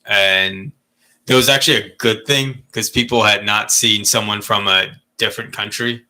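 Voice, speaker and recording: A man's voice: lowish voice, steady tone, normal speed, pushed and bright. A man in his thirties from Malaysia, telling stories in a candid, rambling way as a podcast co-host in casual chat. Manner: candid, rambling storytelling with frequent swearing and laughs.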